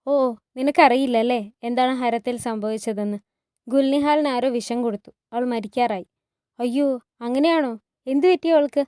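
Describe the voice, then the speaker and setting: A woman tells a palace drama as a spoken story and reads every character's lines herself. Her voice sits a little high and sounds mellow and soft. The recording is close and dry, with no room sound. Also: steady tone, moderate pace, clear, resonant tone, no room sound. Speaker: narrator retelling a TV drama. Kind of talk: storytelling narration with acted dialogue.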